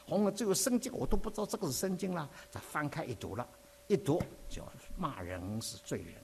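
A man from preaching a sermon, telling his own story in an animated, conversational way. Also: on the high side, brisk, gravelly, slight background noise. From Dinghai, Zhejiang, China. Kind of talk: sermon with personal testimony.

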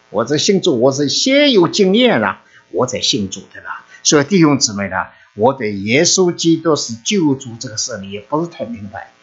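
Old guy w/ telling his church testimony, pitch jumps all over, a bit husky, muffled lo-fi sound. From China, Shanghai and Zhoushan. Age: older. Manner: animated storytelling, lively swings in pitch and loudness. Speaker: church member giving testimony. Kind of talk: personal faith testimony to a congregation. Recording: muffled lo-fi recording.

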